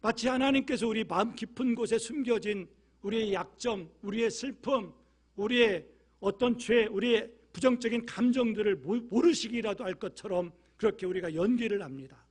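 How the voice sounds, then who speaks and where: High-voiced pastor preaching with swings of volume. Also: male voice, normal speed, breathy edge. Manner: swings from hushed, low asides to loud, emphatic appeals; acts out quoted prayers with emotion. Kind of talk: sermon.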